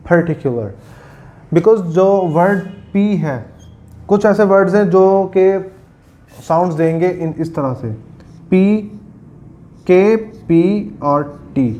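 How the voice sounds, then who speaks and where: A man teaching pronunciation, repeating each word slowly and switching into Urdu-Hindi to explain. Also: high voice, dark tone, highs cut off. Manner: slow, repeats each word several times. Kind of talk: pronunciation lesson. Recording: faint background noise.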